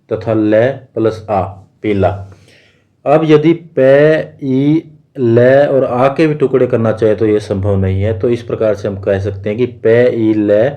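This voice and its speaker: Mellow-voiced man teaching exam grammar. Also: medium pitch. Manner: asks the class questions and answers them himself, repeating key points. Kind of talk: exam-prep grammar lesson.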